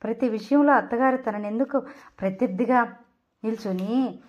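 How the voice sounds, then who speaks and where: A woman's voice: fairly high pitch, moderate pace, darkish tone, highs cut off. A woman narrating a novel aloud and reading all the dialogue, with small slips and self-corrections along the way. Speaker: audiobook narrator.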